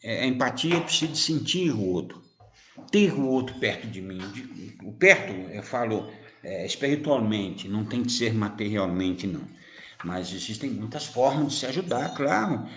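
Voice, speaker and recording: A spiritist medium answers viewers in an informal spiritual talk, speaking with lively intonation at a moderate pace in a medium-pitched, fairly bright voice. He's teasing and chatty, full of rhetorical questions, and the room gives a noticeable echo.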